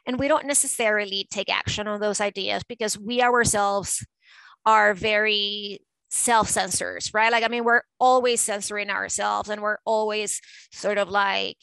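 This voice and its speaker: Bright, crisp woman with a gravelly edge. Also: mid-range voice, fairly even intonation, moderate pace, no room sound, poor audio. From Venezuela. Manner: fluent, emphatic, with frequent fillers. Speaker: guest, art advisor and curator. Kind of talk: conversational interview.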